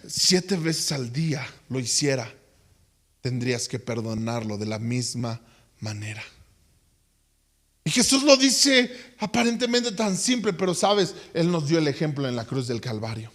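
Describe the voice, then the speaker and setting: A man preaching a sermon, telling a parable with animated delivery and sudden loud peaks. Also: medium pitch, a little slow.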